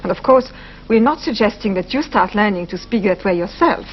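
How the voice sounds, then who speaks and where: Animated woman presenting a language lesson. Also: mid-range voice, a little fast. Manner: careful, explanatory, repeats phrases for learners. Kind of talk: scripted educational narration. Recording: slightly muffled broadcast audio, faint hiss.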